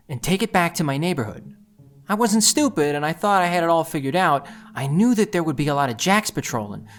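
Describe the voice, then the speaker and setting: In an audio drama, an actor with a mid-range voice and light acting plays an anxious, self-doubting, idealistic young thief. The character narrates their own story with earnest intensity.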